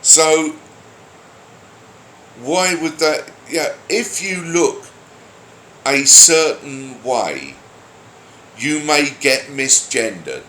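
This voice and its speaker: A grumpy online commentator rants off the cuff, giving a blunt, sweary, exasperated opinion in an unscripted solo rant. His bright, forceful voice sits on the high side and is expressive, delivered very slowly with long pauses. The recording has a roomy echo and faint background noise.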